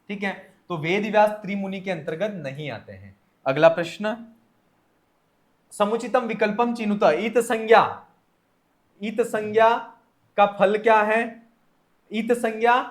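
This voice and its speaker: A man with a notably high voice walks through exam questions one by one. He reads each question aloud and then explains the correct option in a methodical, teacherly way, speaking. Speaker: Sanskrit teacher. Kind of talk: exam test solution lecture.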